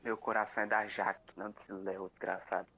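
Low-voiced male caller, mock-wounded. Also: little pitch movement, fast, sharp tone, lo-fi sound.

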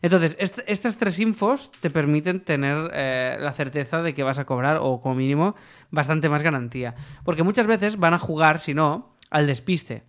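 A man from co-hosting a podcast who lays out advice step by step. His voice sits somewhat high for a man. His delivery is casual and conversational. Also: normal speed. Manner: explanatory, gives practical tips. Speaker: podcast co-host. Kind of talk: casual chat.

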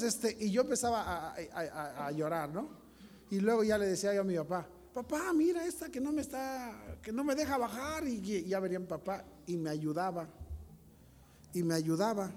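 A man preaching with a noticeably high voice. He tells stories and keeps turning to the congregation with questions. His voice rings out in a long hall reverb. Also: a little mellow, a little hiss or hum. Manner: storytelling, addresses congregation directly. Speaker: pastor. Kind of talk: sermon.

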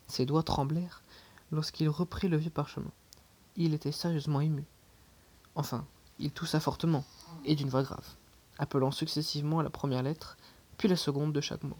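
A husky, breathy voice reads a classic novel aloud in first person. The pitch sits in the middle of the range, and the narration is measured, with lively emphasis at dramatic moments. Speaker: audiobook reader.

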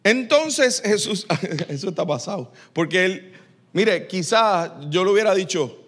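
A man preaching a lively, joking sermon in church, teasing his congregation with quick asides. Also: sits high. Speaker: pastor.

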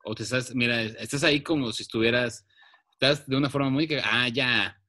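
A man with a Mexican accent co-hosting a casual chat show, laid-back and slangy, with animated bursts. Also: medium pitch, a little fast. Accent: Mexican Spanish. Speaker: podcast co-host.

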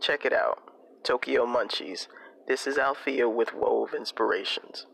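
Gravelly man giving an emphatic shout-out. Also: medium pitch, unhurried, background noise. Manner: emphatic, repetitive. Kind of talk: casual promotional endorsement.

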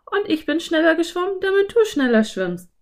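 A woman voicing a lively, curious little girl in an audiobook, with high, eager, quick exclamations. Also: heavily acted.

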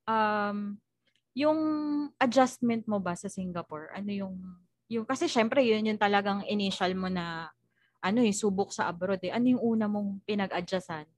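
A woman's voice: mid-range voice, moderate pace, no room sound. A woman from the Philippines hosting a casual interview, who asks long questions politely and laughs often. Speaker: interviewer host.

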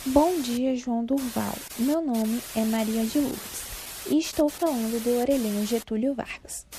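A woman's voice: on the high side, unhurried, mellow, a little hiss or hum. A woman playing a caller, heard over the phone from a public payphone and asking a polite, formal question on a call-in show. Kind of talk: staged call-in to a radio show.

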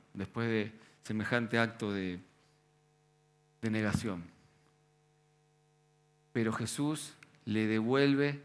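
A male preacher with a Rioplatense accent delivers a sermon in a relaxed, chatty register. He drops in slang and piles up rhetorical questions aimed straight at the congregation. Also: mid-range voice. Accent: Rioplatense Spanish.

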